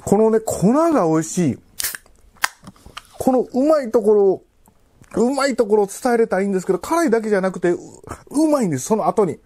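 A man in his thirties with a Kansai accent, chatting casually while eating, in a halting, rambling way with repeated phrases, labored from spicy food. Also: high-pitched, very animated, mellow, a little hiss or hum. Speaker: food vlogger. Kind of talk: casual chat while eating and drinking to camera. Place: living room at home.

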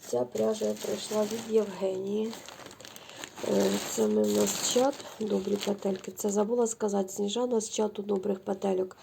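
A woman's voice: mid-range voice, fairly even intonation, moderate pace, vocal fry, noisy background. A middle-aged woman, chatting effusively to viewers as she shows knitting yarn at home. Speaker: knitting vlogger. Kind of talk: casual show-and-tell chat.

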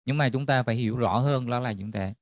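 A man's voice: medium pitch, fast, no echo, studio quality. A man tutoring a math class online, checking in often with students as he explains. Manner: checks in often with students, repeating "được chưa?".

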